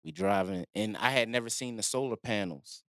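A man telling a long personal story in a relaxed, slangy way, acting out what people said. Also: medium pitch, fairly quick, vocal fry, dry recording, studio quality. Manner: laid-back slangy storytelling, acts out quotes. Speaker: guest telling his story. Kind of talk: casual storytelling.

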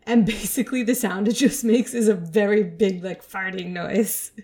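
A woman co-hosting a podcast in casual chat, upbeat and quick to laugh. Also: mid-range voice, fairly even intonation, a little mellow, slight background noise. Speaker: podcast co-host.

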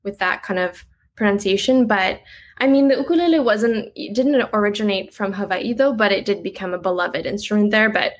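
A young woman talking casually about her music in an interview, chatty and quick to laugh, with lots of "like" in her speech. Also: mid-range voice, low-quality recording. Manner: chatty, uses "like" a lot, laughs easily. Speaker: guest musician.

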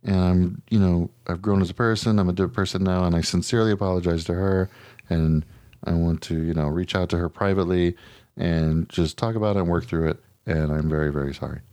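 A deep-voiced, fast-talking middle-aged American man, recorded dry, trades casual chat as a podcast co-host. He swears a lot, tells his stories bluntly and with energy, and mimics what others said.

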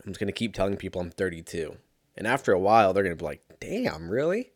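A podcast host in his thirties, drained and low on energy after a night of being sick, rambles through a casual solo episode with profanity and frequent laughter. His low voice is very animated and fast, recorded at studio quality with no room sound.

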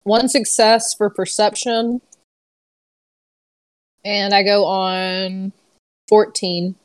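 A woman's voice: medium pitch, little pitch movement, extremely slow. A woman playing a tabletop role-playing game, casually talking through what her character does.

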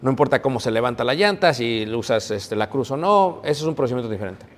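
A man's voice: mid-range voice, expressive, fast talker. A man preaching a teaching sermon, explaining step by step with frequent fillers. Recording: echoey hall with long reverb.

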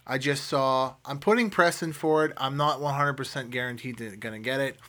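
A man chats casually on his solo podcast. His voice sits at a middle pitch. He rambles, swears freely and restarts his sentences often. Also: fairly quick, bright, forceful tone. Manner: rambling, profane, with frequent fillers and restarts. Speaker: podcast host.

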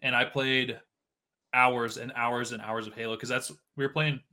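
A young man in his late twenties chats casually as a podcast co-host. His voice is bright and forceful, and he rambles along with plenty of fillers. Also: mid-range voice, little pitch movement, moderate pace. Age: 20s. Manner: chatty, rambling, many fillers. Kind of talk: casual chat.

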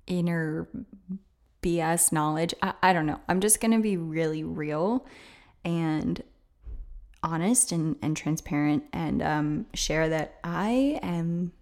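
A woman with vocal fry from a sore throat, slightly losing her voice, speaking candidly and hesitantly as a solo podcast host. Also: lowish voice, darkish tone. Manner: hesitant, confessional, conversational.

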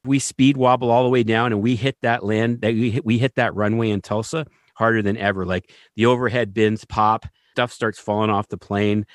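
A man telling a story in casual conversation, animated and often checking in with the listener. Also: on the low side, moderate pace, hardly any pauses, dry recording, clean studio sound. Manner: animated, keeps asking "right?".

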